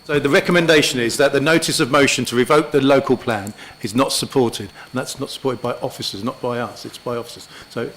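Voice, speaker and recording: A man chairs a council committee, briskly calling speakers by name and putting the question to a vote. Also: mid-range voice, a bit bright, rough recording. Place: council meeting room.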